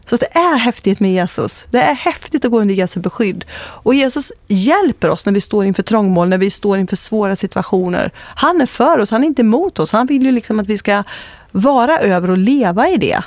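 Earnest woman guest, emphatic testimony, mid pitch, dry studio. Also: lively intonation, darkish tone, dry recording. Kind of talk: testimony-style radio talk.

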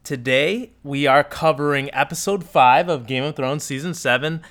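A man hosting a podcast, chatting casually with his co-host and now and then filling pauses with "um". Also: fairly high pitch, fairly bright tone.

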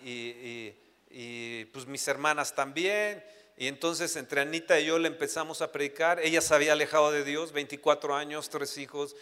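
A man's voice: fairly high pitch, bright, forceful tone, clean tone. A man preaching a sermon. He reads scripture aloud, then tells personal stories with many restarts. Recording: echoey hall with long reverb.

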